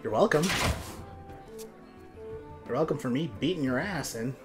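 Animated man streaming a card game. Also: medium pitch, measured pace. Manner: animated, slangy, exclaiming and muttering. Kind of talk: live game commentary, casual chat to viewers. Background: game music.

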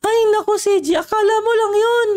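Woman doing a super high squeaky playful buddy, teasing, minecraft roleplay. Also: normal speed, darkish tone. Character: playful young friend with a crush. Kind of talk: Minecraft role-play voice acting.

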